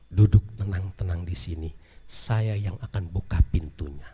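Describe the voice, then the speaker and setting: A man voicing Jesus in a sermon story, speaking softly, sadly and tenderly. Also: low voice, moderate pace, husky, in a large hall, voice pushed down. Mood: calm. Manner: soft, sad and tender.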